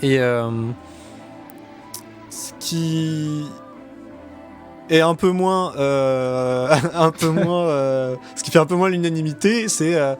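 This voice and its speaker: A man's voice: on the high side, slow, long pauses, soft background music. A man hosting a casual discussion, speaking hesitantly in short bursts. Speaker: show host.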